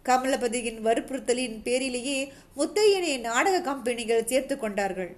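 A woman reads a novel aloud in a high, clear voice. She keeps a steady storytelling pace, restarting now and then when a word trips her. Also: moderate pace. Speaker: narrator.

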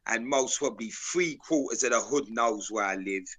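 A man's voice: medium pitch, normal speed, fairly bright tone, husky. A man with a South London accent, telling stories in street slang in an emphatic, declarative, repetitive way. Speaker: interview guest, videographer.

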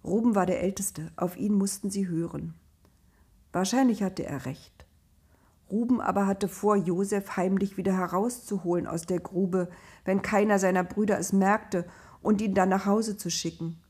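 A woman reads a children's Bible story aloud at a calm, even pace. Her voice has a husky, breathy grain, sitting in a middle pitch. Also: moderate pace. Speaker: narrator. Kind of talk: storybook narration.

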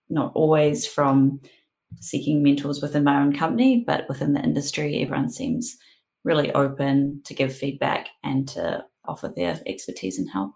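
A woman's voice: deep voice, gravelly, darkish tone. A woman with a broad New Zealand accent, chatting casually as a podcast co-host. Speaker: podcast co-host and product designer.

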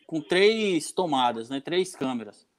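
A man's voice: a little high, expressive, unhurried. A man with a northeastern Brazilian Portuguese accent, chatting casually in an informal, slangy way. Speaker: podcaster guest. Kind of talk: casual chat.

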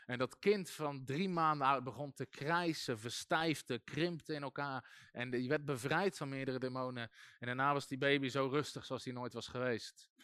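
A man's voice: fairly high pitch, sharp tone, clear, resonant tone, dry recording, clean studio sound. A man teaching on deliverance in a loose, conversational way, with plenty of fillers and restarts. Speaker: deliverance preacher. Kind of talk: informal teaching talk.

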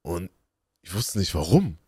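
Casting: young male podcast co-host, lowish voice, lively storyteller, dry close sound. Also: unhurried, breathy edge, no room sound. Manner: animated storyteller, acts out quoted voices. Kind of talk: casual storytelling chat.

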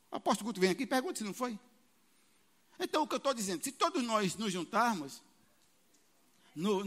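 A man preaching as a pastor, animated, with sudden loud peaks and quoted voices, in a church hall. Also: high-pitched. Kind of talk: sermon.

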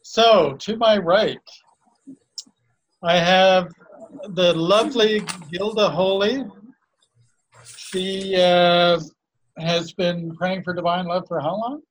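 A man from Canada in a casual conversation, introducing friends in a halting, complimentary way. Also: high voice, fairly even intonation, rough recording. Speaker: guest and co-host introducing friends.

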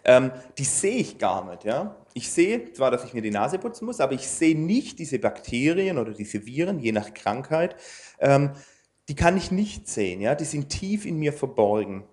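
A man delivers a sermon in an everyday, conversational manner at a medium pitch. He talks informally and often hesitates, dropping in fillers and tag questions as he works through his slides. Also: sing-song, moderate pace, a little mellow. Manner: speaks to an audience using slides. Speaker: preacher.

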